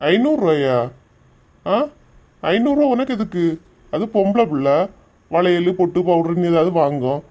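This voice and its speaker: A woman voicing an easygoing middle-aged cartoon father with a Kanyakumari Tamil accent, gentle and indulgent with his kids. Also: lowish voice, lively intonation, normal speed, pauses often, lo-fi sound, natural voice. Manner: gentle, indulgent, asks short questions. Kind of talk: cartoon voice acting.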